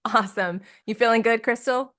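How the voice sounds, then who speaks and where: A woman's voice: fairly high pitch, brisk, fairly bright tone. A woman leading a live coaching session, upbeat and encouraging, laughing often as she talks with participants over a video call. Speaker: business coach.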